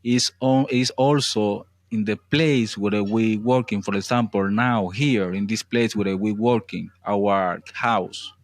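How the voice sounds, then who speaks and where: Slow, low-voiced man with a Colombian accent. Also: steady tone, no echo. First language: Spanish. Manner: halting non-native phrasing. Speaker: interpreter. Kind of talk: spoken interpreting in simple English.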